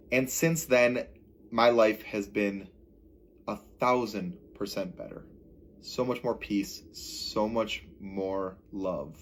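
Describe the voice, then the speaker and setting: A young man casually telling a personal faith testimony as a vlogger, earnest and animated, with everyday slang. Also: lowish voice.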